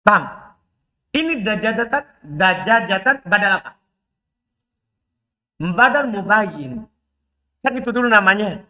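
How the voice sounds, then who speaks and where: A man teaching Arabic grammar in a live class, explaining each point and often asking his students quick questions to check they follow. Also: sits high, animated, bright, forceful tone.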